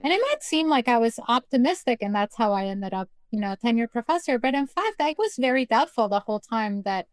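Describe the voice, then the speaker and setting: A woman from Peru, a philosophy professor, speaking as a guest on a radio talk show with thoughtful, measured explanations. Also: a little high, expressive, no echo. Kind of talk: radio interview conversation.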